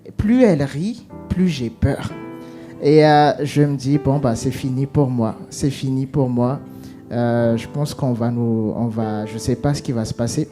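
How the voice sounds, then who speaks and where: A man giving an emotional personal testimony, halting with many restarts and fillers, acting out what was said. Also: medium pitch, warm tone, faint music behind.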